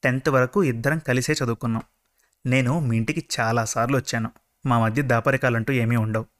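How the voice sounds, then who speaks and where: A man voicing a kind, patient middle-aged mother in a told story, speaking gently and reassuringly. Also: mid-range voice, fairly even intonation, fairly quick, close to an everyday voice.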